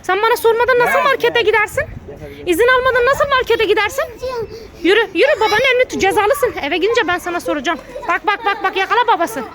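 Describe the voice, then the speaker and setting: Mom in her 30s telling off her kids, super high voice, fires off orders over and over. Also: lively intonation, crowd noise. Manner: scolding, repeating commands rapidly. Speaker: mother scolding her children. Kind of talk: family vlog, scolding kids on camera.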